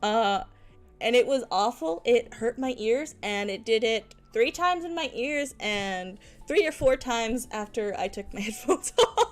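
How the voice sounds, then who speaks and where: A woman with a high voice chats casually on stream in a cute, girlish anime-streamer way. Her intonation jumps around expressively at an unhurried, slow pace. She is giggly and playfully dramatic. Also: lively intonation, faint music behind. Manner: giggly, frequently breaking into laughter. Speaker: VTuber live streamer.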